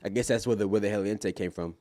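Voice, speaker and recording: A man streaming live, reacting to clips in a relaxed, slangy, joking way. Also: fairly low pitch, fast, background noise. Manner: laid-back, joking, slangy commentary. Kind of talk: casual live-stream chat.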